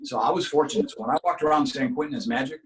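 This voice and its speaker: A Cuban-born, middle-aged actor whose first language is Spanish talks very fast in a mid-range voice. Appearing as a guest in a casual interview, he earnestly tells stories in long runs, with many restarts, on a rough recording.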